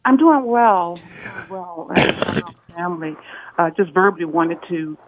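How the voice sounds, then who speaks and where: A man calling in to a radio talk show over the phone, speaking earnestly and haltingly with frequent fillers. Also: high-pitched, animated. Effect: heard over a phone line. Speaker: radio call-in caller, school worker. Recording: muffled phone line.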